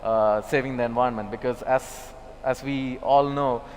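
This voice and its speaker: A man's voice: medium pitch, fairly even intonation, moderate pace, a little hiss or hum. A man from Kerala speaking as a panelist at a panel discussion, hesitant with many fillers. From Kerala, India. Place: large expo hall. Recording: hall reverb, faint ambience.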